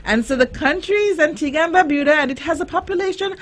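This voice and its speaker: A woman's voice: high-pitched, fast. A woman speaking as a kids' show host, teaching children in simple phrases and checking in with questions.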